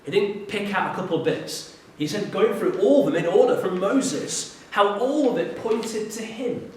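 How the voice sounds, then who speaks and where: Animated man speaking in an echoey hall. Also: high voice, moderate pace, a little hiss or hum. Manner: lively, animated storytelling. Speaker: youth worker speaker. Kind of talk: talk with Bible reading. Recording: roomy echo from a distant mic.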